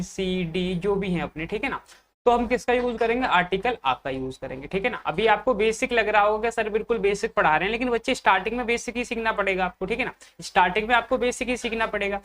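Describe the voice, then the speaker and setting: A man's voice: high-pitched, a bit bright. A man giving an exam-prep grammar lecture. He keeps checking in with his students, calls them brother, and asks questions that he then answers himself. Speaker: English grammar teacher.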